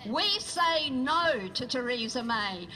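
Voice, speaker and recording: Woman speaking at an outdoor protest, slow and emphatic, high bright voice. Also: animated, poor audio. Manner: emphatic, repetitive oratory. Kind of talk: rally speech. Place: outdoor square in front of a stone building.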